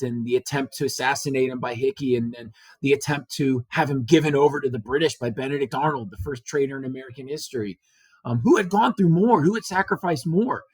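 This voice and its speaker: Male history teacher, chapter-summary lecture, mid-pitched, dry close sound, lots of fillers. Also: no echo, rough recording. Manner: animated storytelling with many fillers and restarts.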